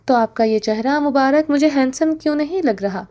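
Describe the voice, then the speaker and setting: A woman's voice: high voice, dark tone, natural voice. A woman playing a fiery young wife. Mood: teasing. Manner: pleading then scolding, teasing. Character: young wife, impulsive, quick-tempered, playful.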